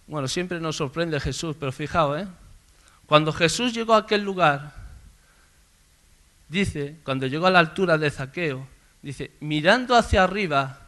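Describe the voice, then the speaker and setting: A man preaching a sermon in a conversational storytelling way, calling out names loudly. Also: a little high, unhurried, long pauses. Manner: conversational storytelling, swells loud on names called out. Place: church service.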